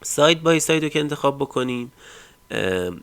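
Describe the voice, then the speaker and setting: A man hosting a casual screen-recorded software tutorial, explaining step by step with frequent fillers and trailing line ends. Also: mid-range voice, animated, clean tone. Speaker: tech tutorial host.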